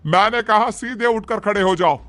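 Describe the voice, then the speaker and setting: In a cartoon, a man voices a strict, bossy middle-aged mother-in-law who scolds and barks orders in a stern mood. His voice sits high, bright and forceful, at normal speed, with slight background noise.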